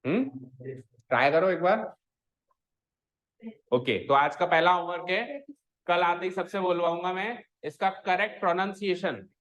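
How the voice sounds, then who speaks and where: A man's voice: high voice, unhurried, long pauses, a bit bright, muffled recording. A man teaching a school maths class, mixing Hindi with English and drilling students on pronunciation. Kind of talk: classroom lecture.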